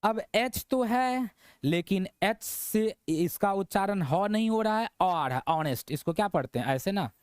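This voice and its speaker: A man talks through a grammar lesson in a fairly high, clear, resonant voice. He keeps quizzing the viewer and tags his points with "है ना". The sound is dry and close, with almost no room echo. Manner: repetitive, checking in with "है ना" and quizzing the viewer. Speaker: English grammar teacher. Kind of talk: classroom-style lesson.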